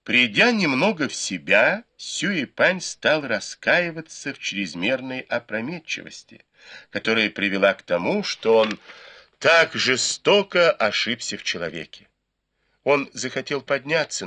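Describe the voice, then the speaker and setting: A man reading a novel aloud in measured, scripted narration. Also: mid-range voice, sing-song, pushed and bright. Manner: measured storytelling. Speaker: audiobook reader.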